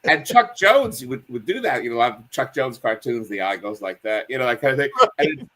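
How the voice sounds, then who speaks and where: A man's voice: mid-range voice, a little fast. A man, a guest on a chat show, telling comedy history stories and acting out lines. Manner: animated storyteller, acts out quotes. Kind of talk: casual chat.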